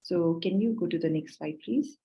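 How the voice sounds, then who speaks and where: A woman's voice: lowish voice, normal speed, mellow, low-quality recording. A woman from Nepal giving a conference presentation, hesitant and full of fillers.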